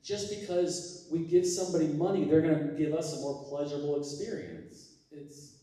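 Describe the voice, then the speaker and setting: A man doing a stand-up comedy set on a theater stage, with a halting, deadpan delivery full of fillers. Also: fairly high pitch. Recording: roomy hall sound from a distance. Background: audience laughing.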